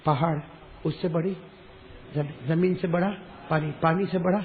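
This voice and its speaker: A man's voice: fairly high pitch, steady tone, close to an everyday voice. A preacher voicing a curious five-year-old boy. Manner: asking over and over. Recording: tinny phone-like sound.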